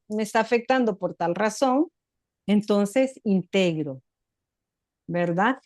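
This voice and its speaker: A woman's voice: mid-range voice, a little mellow, no room sound, studio quality. A middle-aged woman hosting a reflective talk, explaining ideas step by step and asking and answering her own questions. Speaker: host. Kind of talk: reflective talk on emotional growth.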